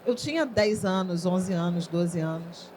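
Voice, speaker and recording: A woman's voice: fairly low pitch, unhurried, darkish tone, a little hiss or hum. A woman with a Brazilian Portuguese accent interviewing a writer on stage in a conversational manner, sharing her own stories between questions.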